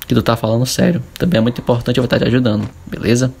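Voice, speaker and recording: A man's voice: mid-range voice, flat delivery, rapid-fire, gravelly, a little mellow, slightly rough. A young Brazilian man coaching gamers in a casual advice vlog, chatty and full of tag questions. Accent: Brazilian Portuguese. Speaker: gaming coach.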